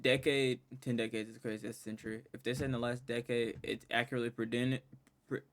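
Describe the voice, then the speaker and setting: A man's voice: medium pitch, little pitch movement, fast talker. A man casually reacting on a live stream, loose and profane, joking with his chat.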